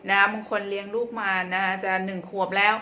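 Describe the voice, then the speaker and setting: A woman parenting coach explaining child language development to mothers, in a gentle, repetitive way with frequent polite particles. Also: medium pitch, little pitch movement, quick pace, slight background noise. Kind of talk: instructional talk to mothers.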